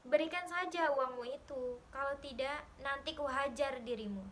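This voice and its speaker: A woman voicing an angry, threatening husband who gambles and drinks, raising her voice into loud, harsh demands in a storybook reading. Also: high-pitched, moderate pace, slight background noise. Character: angry gambling drunk husband, grown man.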